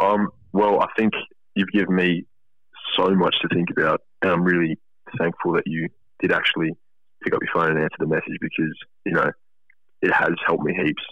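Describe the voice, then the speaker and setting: A sixteen-year-old boy from Wollongong, Australia, chats casually in a low-pitched, level voice at a moderate pace. He comes across as earnest, polite and grateful, and the dull lo-fi line carries no room sound.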